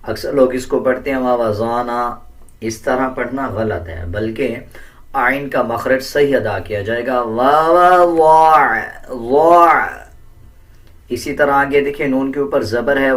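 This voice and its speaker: A man teaching Quran recitation step by step in a patient, deliberate way, correcting common mistakes. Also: mid-range voice, far from the mic. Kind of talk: step-by-step pronunciation lesson.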